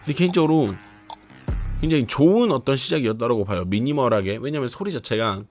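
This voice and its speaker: Fast-talking man reviewing dance clips. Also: mid-range voice, animated, darkish tone, soft background music. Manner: chatty, explanatory, addresses viewers directly. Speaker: dance trainer reviewing a show. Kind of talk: casual video commentary.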